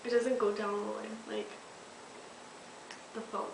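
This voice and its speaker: A woman's voice: mid-range voice, little pitch movement, a little slow, gravelly. A woman chatting casually with her friend, rambling with plenty of "like", picked up by a camera microphone. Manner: rambling, lots of "like". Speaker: best friend in a burping contest. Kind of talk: casual chat. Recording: roomy, distant home-video audio with noise.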